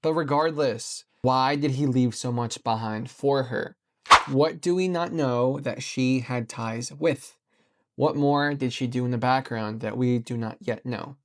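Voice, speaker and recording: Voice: medium pitch, unhurried, a little hiss or hum. A speaker giving casual commentary, musing with open questions.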